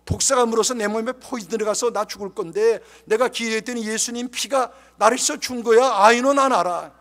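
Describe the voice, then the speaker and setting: A man's voice: very high voice, sing-song, extremely slow, a little mellow, pitched above the performer's own voice, full character voice. A man voicing an insistent seven-year-old boy within a spoken sermon. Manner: insistent, eager.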